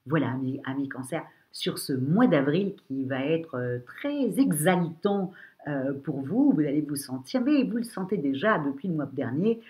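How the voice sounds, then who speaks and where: Low-voiced woman astrologer, voice cracking and kinda weak, chatty horoscope, emphatic with lots of stops and restarts. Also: animated, moderate pace, warm tone. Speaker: astrologer giving a monthly horoscope. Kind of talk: informal horoscope monologue to viewers.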